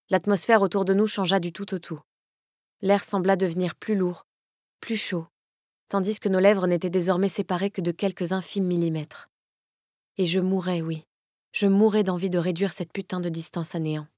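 A woman reading a romance novel aloud in the first person, with measured, intimate storytelling on a close studio mic. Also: fairly low pitch, dark tone, dry recording. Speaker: audiobook narrator.

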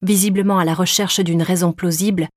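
A woman narrating a novel as an audiobook, in a steady, measured reading. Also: lowish voice, no room sound, clean studio sound. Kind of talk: scripted narration.

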